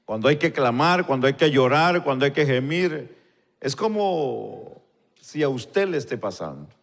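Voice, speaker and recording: A man leading a slow, fervent prayer before a congregation, repeating "Lord" between phrases. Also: medium pitch, animated, vocal fry. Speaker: pastor. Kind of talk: spoken prayer and sermon. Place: church sanctuary, recorded live. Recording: long church hall reverb.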